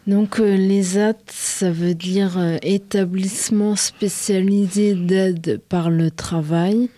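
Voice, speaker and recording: A woman in her thirties with a western French accent, answering questions in a radio studio with halting speech and many pauses. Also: medium pitch, steady tone, warm tone. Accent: French, from western France. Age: 30s. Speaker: interviewee. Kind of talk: radio interview.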